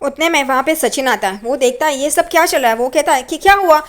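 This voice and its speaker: A woman casually retelling a TV serial episode in an animated, vivid way. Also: sits high, fast talker. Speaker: TV serial recap narrator. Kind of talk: casual storytelling recap.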